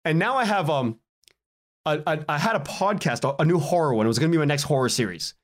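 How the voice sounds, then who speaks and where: His voice sits on the high side, expressive and fast, as he tells lively, informal stories in an interview. The guest, from Canada, chats freely, voices the quoted dialogue himself, and laughs lightly mid-sentence.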